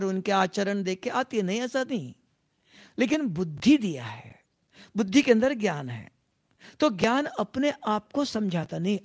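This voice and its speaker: Spiritual teacher, devotional class talk, middle pitch with a gravelly edge, repetitive and questioning. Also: darkish tone. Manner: repetitive, keeps asking the listeners questions.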